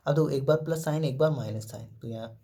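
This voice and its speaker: A fast-talking man with a fairly high, warm voice walks through a math lesson one step at a time. He poses questions and then answers them himself, frequently saying "ठीक है" and "देखो".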